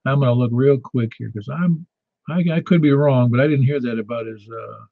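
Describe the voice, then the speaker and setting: A man with a medium-pitched voice hosts a radio net in an informal, chatty way. The sound is dry and a little lo-fi. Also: a little fast, creaky, no room sound. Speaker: ham radio net host. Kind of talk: casual net control chat. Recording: slightly dull, dry lo-fi audio.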